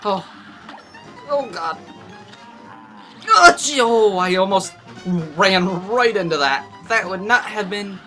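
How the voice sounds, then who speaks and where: A let's play gamer giving excitable gameplay commentary and exclaiming often while playing. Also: mid-range voice.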